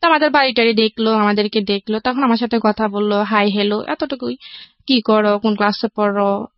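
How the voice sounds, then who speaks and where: Chatting casually on a radio show, a young woman with a Bangladeshi accent describes her life story in detail and brings in reported dialogue. Her voice is mid-range and a little fast, with no room sound, though the broadcast audio is dull and lo-fi.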